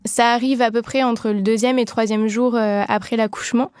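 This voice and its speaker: A woman's voice: fairly high pitch, steady tone, moderate pace, a little mellow, clean tone, no room sound, studio quality. A woman midwife explaining things in a podcast interview, with many fillers and restarts.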